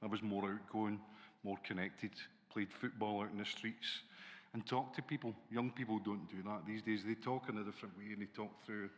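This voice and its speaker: A man's voice: on the low side, fairly even intonation, normal speed. A middle-aged man with a Glaswegian accent, speaking as an educator on a conference panel. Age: 40s or 50s. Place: large hall on a conference stage. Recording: reverberant conference hall.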